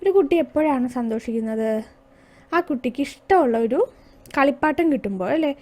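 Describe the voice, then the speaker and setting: A woman's voice: high-pitched, animated, a little mellow. A woman teacher with a Malayali accent, explaining an English lesson for young pupils, asking questions and answering them herself. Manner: patient, slowing down to read English lines aloud.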